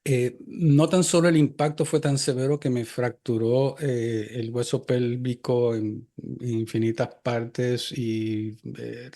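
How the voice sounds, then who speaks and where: An older man, a guest in an interview, recounting personal experiences in a reflective, hesitant way with frequent filler pauses. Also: mid-range voice, level tone, dark tone.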